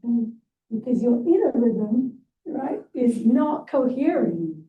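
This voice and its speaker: A woman's voice: a little high, very animated, slow, distant mic, narrow, tinny audio. A woman leading a movement workshop, coaching with encouraging asides and frequent "right?". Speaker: workshop leader and guest speaker. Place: event hall.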